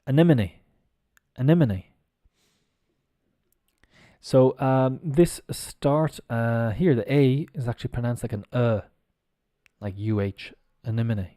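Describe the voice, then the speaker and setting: Mellow-voiced male English teacher, dry sound. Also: mid-range voice, a little slow, no room sound. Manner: spells words letter by letter, chatty and self-correcting. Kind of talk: live-streamed pronunciation lesson.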